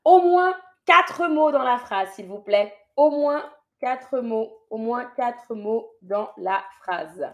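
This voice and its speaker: A woman's voice: on the high side, lively intonation, slow. A woman teaching French on a live stream, reading viewers' sentences and patiently correcting them, often repeating her instructions.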